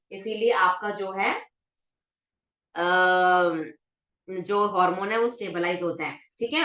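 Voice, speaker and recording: A woman fitness instructor with a medium-pitched, slightly bright voice teaches a live online class over video call. She coaxes the group along, often asking "right?" and cheerfully encouraging everyone to laugh with her.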